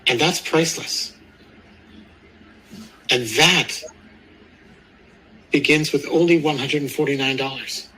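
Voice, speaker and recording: A man's voice: medium pitch, takes it slowly, long pauses, pushed and bright, husky, low-quality recording. A man hosting a motivational webinar, talking emphatically and repeating phrases for weight. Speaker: webinar host.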